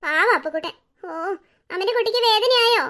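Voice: very high-pitched, expressive, a little fast, full character voice. A voice actor playing a caring but firm mother in a cartoon story, who comforts her children and sends them to tuition. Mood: motherly. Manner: warm then firmly instructing.

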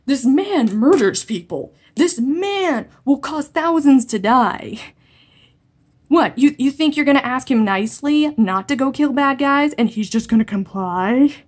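Woman ranting on her vlog, kinda high voice, sarcastic and fed up, keeps tripping over her words. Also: animated, a little slow. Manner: exasperated, sarcastic, stammering restarts. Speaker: comic-book video blogger.

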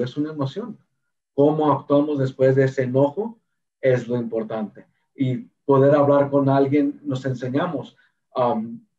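Earnest middle-aged man, mellow lo-fi sound. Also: medium pitch. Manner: earnest, reflective, with halting restarts. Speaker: podcast guest. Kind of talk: candid personal talk.

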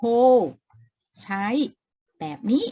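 Slow husky lady teacher going over exam answers, repeats stuff, asks you questions, kinda muffled recording. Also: on the high side, animated. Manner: explains step by step, repeats key words, asks the viewer questions. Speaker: English exam tutor. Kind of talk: casual test-prep lesson.

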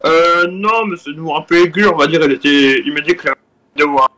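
A man with a bright, sharp voice pitched a little high, playing along in a live game role-play. He stumbles through his lines with plenty of fillers. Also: fairly quick. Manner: hesitant, many fillers.

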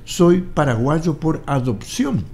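This Argentine Spanish-accented man in his eighties has a fairly high, dark-toned voice with big pitch swings, and he takes it slowly. He's a guest in a studio interview, telling his story animatedly and acting out old conversations. The studio has photos on the walls, and a boom-arm studio mic records him.

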